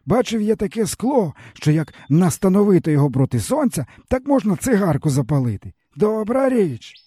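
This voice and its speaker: Male reader voicing a starving old-country peasant uncle, mournful and rambling, in a raised voice with swings in tone and a soft, mellow color; dry close recording. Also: sits high, sing-song, normal speed, slightly rough, no echo, voice pushed up, heavily acted. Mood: grumbling. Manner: mournful, rambling folksy storytelling. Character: starving weary peasant uncle, bitter and fatalistic. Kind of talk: audiobook character reading.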